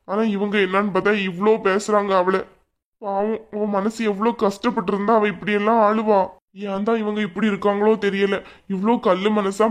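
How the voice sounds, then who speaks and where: A man's voice: high-pitched, natural voice. Cartoon drama: a man as a young husband who defends his wife, pleading and upset. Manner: pleading and indignant. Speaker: cartoon voice actor. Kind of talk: Tamil cartoon drama dialogue.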